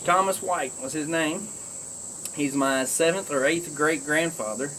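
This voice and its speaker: A man's voice: on the high side, unhurried, pushed and bright, a little hiss or hum, poor audio. A man with a rural Kentucky Southern accent, chatting casually and folksily to viewers in a rambling way while smoking a pipe. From Kentucky, United States. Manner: folksy, drawling country speech. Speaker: pipe-smoking video blogger.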